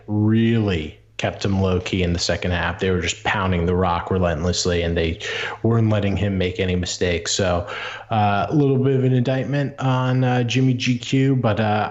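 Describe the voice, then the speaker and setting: A man co-hosting a casual sports podcast, giving game analysis in a halting way, repeating words as he thinks. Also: deep voice. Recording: dull, lo-fi podcast audio.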